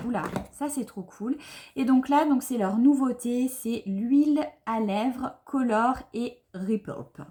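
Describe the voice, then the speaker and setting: A young beauty vlogger with a mid-range, darkish voice chats enthusiastically to camera while unboxing beauty products. Her casual talk is full of fillers.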